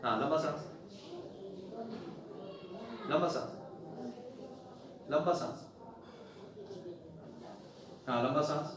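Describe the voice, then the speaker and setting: Gentle doctor in echoey crowded ward. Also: male voice, fairly high pitch, very slow, long pauses, distant mic, crowd noise. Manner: gently coaxing, repeats instructions, praises patient. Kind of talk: bedside clinical examination.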